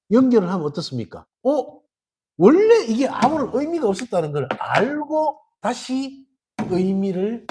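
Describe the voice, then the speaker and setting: Gyeongsang dharma teacher, husky, highly animated pitch, colloquial temple-hall talk. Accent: Gyeongsang Korean. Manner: colloquial, acts out little dialogues.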